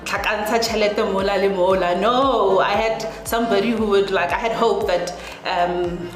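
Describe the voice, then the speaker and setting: A woman's voice: mid-range voice, normal speed. A woman speaks expressively about joining the program. Her voice sits mid-range. The recording carries noticeable room echo. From Garankuwa, South Africa. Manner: excited, expressive. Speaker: youth filmmaker in the program. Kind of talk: documentary interview. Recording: echoey room.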